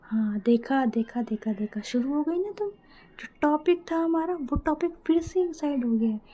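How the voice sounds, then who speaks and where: A woman's voice: sits high, lively intonation, moderate pace, warm tone. A woman voicing a shy young woman who scolds and teases her partner in a spoken love story. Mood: exasperated. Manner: chiding, exasperated.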